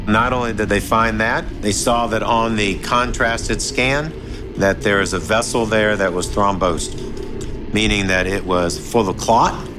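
A man, a doctor, explaining a case calmly in an interview. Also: on the low side, unhurried, music in the background. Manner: calm, explanatory.

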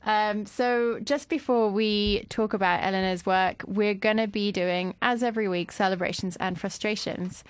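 A woman's voice: medium pitch, fairly even intonation, moderate pace, hardly any pauses, smooth, dry recording. Chatty woman radio host. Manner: chatty, laughs easily. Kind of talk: casual radio chat. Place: radio studio.

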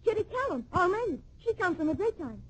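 Eager, very high-voiced young boy. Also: big pitch swings, brisk, a bit bright, exaggerated voice. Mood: polite, excited. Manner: earnest, polite, boyish exclamations. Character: eager, admiring, know-it-all young boy. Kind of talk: old-time radio drama acting. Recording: noisy old radio drama recording.

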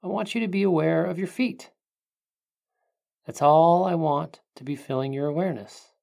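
With a creaky, mid-range voice, a meditation narrator speaks like someone telling a sleep story. The guidance is soft and hushed, broken up by long pauses.

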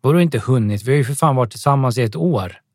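A man voicing a blunt, protective young man in an audiobook, a little louder than his narration. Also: medium pitch, no room sound, studio quality, pitched above the performer's own voice, natural voice. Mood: firm.

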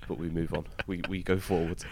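A hungover British man in middle age speaks in a very deep, croaky voice. He chats casually as a podcast co-host, with faint noise behind him. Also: level tone, brisk. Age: middle-aged. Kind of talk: casual chat.

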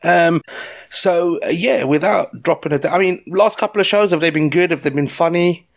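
A British man in his forties chatting as a podcast host, telling personal stories in a sweary, halting, digressive way. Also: fairly high pitch. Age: 40s. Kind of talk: casual personal chat and storytelling.

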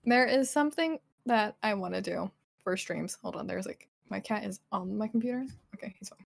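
Woman streamer, mid-pitched, dry close mic, casual and giggly, restarts sentences often. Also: normal speed, creaky, no echo. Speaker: streamer guest. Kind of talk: casual live-stream chat. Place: home streaming desk with cats around.

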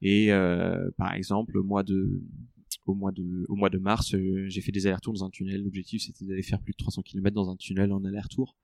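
A man in a relaxed interview, talking through his running training with many fillers and restarts. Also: low-pitched, fairly quick, vocal fry, no room sound, studio quality. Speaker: ultra-trail runner guest. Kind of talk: conversational interview.

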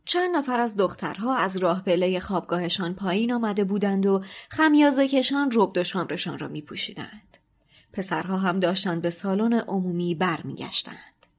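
A woman narrating a novel aloud in an expressive storytelling read. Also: medium pitch. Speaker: reader and podcast co-host. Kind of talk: audiobook narration.

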